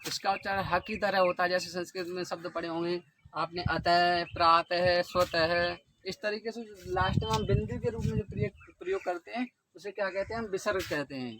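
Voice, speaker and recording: A man's voice: high voice, fast, noisy background. A man teaching an exam-prep lesson, explaining step by step and often putting questions to the viewers.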